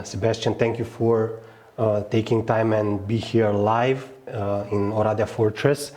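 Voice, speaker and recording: A man with a Romanian accent hosting a live outdoor panel event, speaking haltingly with frequent fillers and restarts. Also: lowish voice, darkish tone. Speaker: event host. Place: outdoors at a fortress on a hot day.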